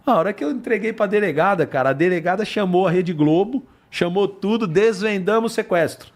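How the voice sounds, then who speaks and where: A man's voice: high-pitched, animated, fairly quick. An older man, a retired police officer telling a story in a podcast interview, acting out the dialogue and swearing casually. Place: podcast studio.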